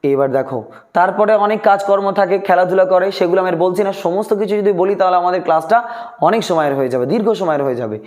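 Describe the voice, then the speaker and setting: High-voiced man teaching English. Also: darkish tone. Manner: slow, drawn-out model sentences with coaxing questions. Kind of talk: spoken English lesson.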